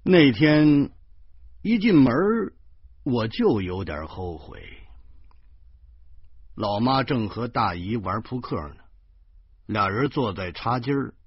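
A man reading a novel aloud, telling it in a lively, wry way. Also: mid-range voice, slow, pauses often, breathy edge, no echo, dull audio. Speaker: audiobook narrator. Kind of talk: novel reading with voiced dialogue.

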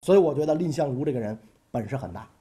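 A man's voice: medium pitch, expressive, very fast, dark tone. A man telling history as a comic story, colloquial with chatty asides.

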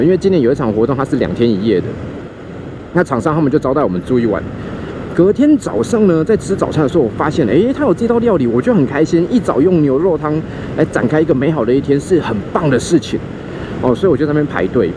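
Lively fast-talking Taiwanese man. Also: fairly high pitch. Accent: Taiwanese Mandarin. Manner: animated, acts out quoted voices. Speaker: podcast host. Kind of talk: casual storytelling while riding a scooter. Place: outdoors on a motorbike in city traffic. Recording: faint street and vehicle noise.

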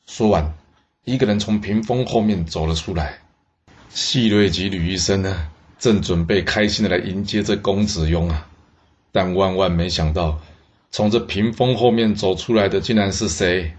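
A man telling a historical tale in a lively way, exclaiming and speaking asides to the listeners. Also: deep voice, moderate pace. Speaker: storyteller. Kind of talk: historical storytelling. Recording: dull lo-fi recording.

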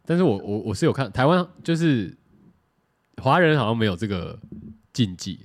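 A man with a Taiwanese Mandarin accent, co-hosting a casual podcast chat in a relaxed way and swearing casually. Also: mid-range voice, normal speed. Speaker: podcast co-host.

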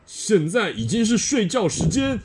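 A man voicing a police officer who slowly and sternly tells a child to be quiet. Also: high voice, sing-song, slightly rough, pitched above the performer's own voice, full character voice. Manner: slow, stern warning.

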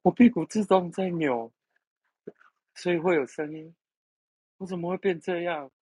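A man's voice: mid-range voice, fairly quick, husky, no room sound, voice pushed up, lightly acted, rough recording. A man acting out a bashful young man who slips into a puppy persona, asking anxious, bewildered questions. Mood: startled.

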